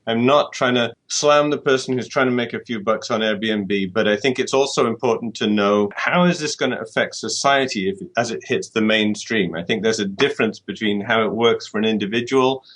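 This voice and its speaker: In a brisk interview with few pauses, a British author speaks in a lowish, fairly bright voice. He reasons things through thoughtfully, often going back and repeating words.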